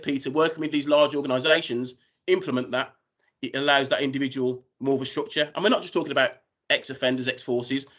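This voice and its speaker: A British man talks as a recruiter in an informal business presentation. His voice sits a little high for a man, and he is speaking on an online call. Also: a bit bright. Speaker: recruiter presenting job opportunities.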